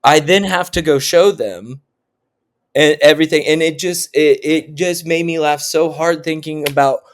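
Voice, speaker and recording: A man's voice: on the high side, normal speed. A man from Oklahoma guest-hosting a casual podcast, telling rambling stories with many restarts. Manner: rambling storyteller, lots of restarts and laughs. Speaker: guest co-host.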